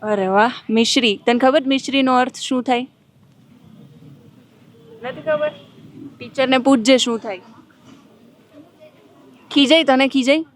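High-voiced woman reporter, playful questions. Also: measured pace, pauses often. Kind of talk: on-location interview with schoolchildren. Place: outside at a girls' school.

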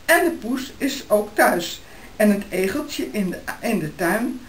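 Storybook girl Janneke, chatty and friendly, lively voice from a woman, echoey room. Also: mid-range voice, a little slow, far from the mic, a little hiss or hum, close to an everyday voice.

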